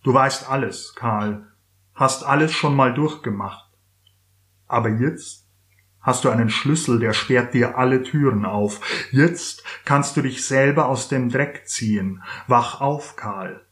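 A dreamy, distant inner voice drifts in, hushed and softer than the surrounding narration, as it presses a passed-out drinker to wake up. A man gives this voice as he reads from his own novel. It moves slowly and evenly, held at a middling pitch. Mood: urging. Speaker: author reading from his novel. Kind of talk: literary reading.

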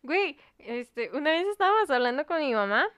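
A woman's voice: high voice, fairly quick, no room sound, studio quality. A young woman with a Mexican accent, co-hosting a podcast in casual chat and telling stories full of slang and swearing. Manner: animated storyteller, peppers speech with slang and swearing. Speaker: podcast co-host.

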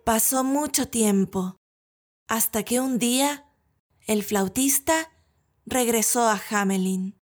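Woman storyteller, expressive storybook narration, unhurried, slightly high voice. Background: soft background music.

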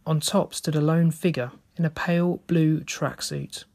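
A man narrating a first-person story in a steady, measured reading. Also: fairly high pitch, creaky.

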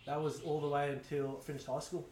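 A man's voice: fairly high pitch, flat delivery, fast talker, a little mellow, a little hiss or hum. Laid-back young Australian guy, echoey. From Snowy Mountains, Australia. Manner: laid-back, easygoing, says mate and man a lot. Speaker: guest, rugby league player. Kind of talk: casual interview chat.

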